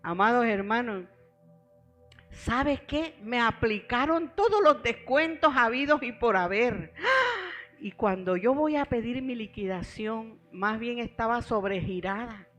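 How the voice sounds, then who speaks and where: A middle-aged woman pastor delivers a sermon at an unhurried, deliberate pace. Her voice sits fairly high, and she weaves personal stories in while speaking to the congregation as beloved brothers. Soft music plays faintly underneath. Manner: storytelling preacher, addresses the congregation as beloved brothers.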